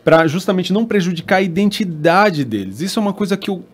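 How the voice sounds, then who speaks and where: A man's voice: high-pitched, expressive, fast. A Brazilian man hosting a podcast, telling stories in a thoughtful way with many restarts. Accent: Brazilian Portuguese. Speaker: podcast host. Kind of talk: casual chat.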